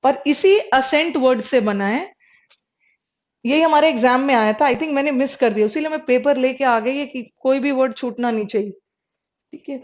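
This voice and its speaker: A woman whose voice sits high, with a darkish tone and moderate pace, teaches English vocabulary in a live online class. She explains in a mix of Hindi and English, repeating words and checking in with her students, over dull lo-fi sound.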